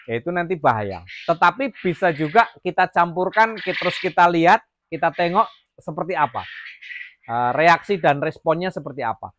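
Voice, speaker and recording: A man's voice: fairly high pitch, a bit bright, slight background noise. A man from Jambi, Indonesia, running a casual farm vlog about raising quail, rambling with many fillers and restarts. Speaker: quail farmer vlogger. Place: quail farm, near the cages.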